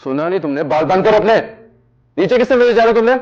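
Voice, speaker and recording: A raving, paranoid husband whose raised voice lurches wildly between snarls and yells. The TV drama audio is dull and lo-fi. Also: male voice, sits high, expressive, rapid-fire. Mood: raging. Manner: ranting, shouting, swinging between growls and yells. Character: paranoid, violently jealous husband, unraveling. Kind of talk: TV horror drama acting.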